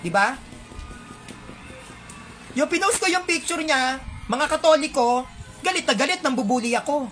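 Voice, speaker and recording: A woman's voice: high-pitched, animated, normal speed, pauses often, a bit bright, soft background music. A woman with a Filipino accent, delivering an indignant, heated monologue to her viewers with rhetorical asides.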